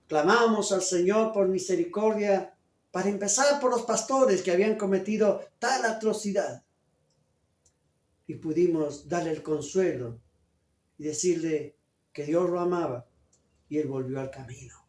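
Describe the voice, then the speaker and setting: A man's voice: sits high, a little slow, long pauses, darkish tone. An older male pastor delivers a sermon with emphatic, earnest preaching. He keeps turning to his congregation with questions. His voice carries the roomy echo of a church hall.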